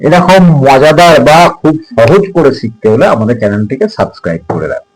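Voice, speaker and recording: A man's voice: medium pitch, big pitch swings, brisk, soft background music, rough recording. A man teaching English pronunciation in a patient, repetitive way, often putting questions to the listener. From Bengal. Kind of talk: lesson explaining syllables.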